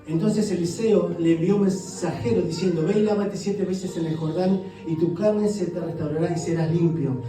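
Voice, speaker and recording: Pastor guy, high voice, asks the crowd lots of questions, music playing under him. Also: dark tone. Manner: preaches with rhetorical questions, acts out quoted voices. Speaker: guest pastor. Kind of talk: sermon. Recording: echoey church hall, voice from a distance.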